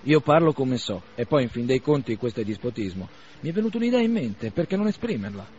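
A man's voice: mid-range voice, big pitch swings, fast talker, a little mellow, pitched above the performer's own voice, natural voice. A man reading the part of an earnest young man who takes offense and argues with heat, on a slightly dull radio recording. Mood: indignant. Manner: heated, raised voice.

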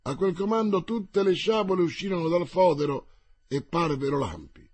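A man's voice: sits high, expressive, moderate pace, a little mellow, breathy edge, no room sound. A man narrating an adventure novel as an audiobook, with a dramatic, paced reading.

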